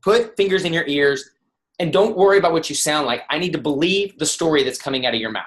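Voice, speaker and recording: A man putting on a gruff, demanding old vocal coach who scolds bluntly. The voice stays close to the speaker's own, with only a slight lift. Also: a little high, expressive, quick pace, a bit bright. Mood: insistent.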